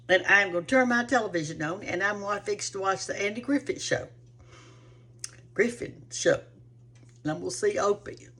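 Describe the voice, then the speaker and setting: Husky woman chatting homespun. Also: lowish voice, a bit bright. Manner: rambling, homespun storytelling. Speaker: cooking show host. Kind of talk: casual chat to viewers.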